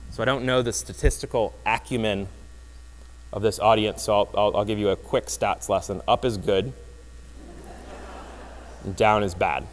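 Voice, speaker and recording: A man giving a lively, wry conference talk that explains research results, often restarting his phrases. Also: fairly low pitch, normal speed, long pauses, a little hiss or hum. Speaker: presenter. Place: conference hall. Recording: long hall reverb.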